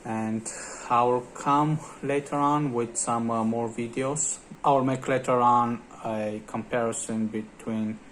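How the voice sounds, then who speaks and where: A man's voice: mid-range voice, slight background noise, rough recording. A man hosting a tech channel, talking casually over his screen with many hesitant filler sounds. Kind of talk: casual screen-recorded commentary.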